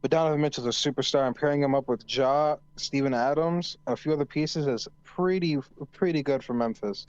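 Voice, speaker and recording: A man's voice: on the high side, a little fast, few pauses, a little mellow, clean tone, dull audio. A man co-hosting a casual sports discussion, giving his opinions conversationally. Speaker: podcast co-host.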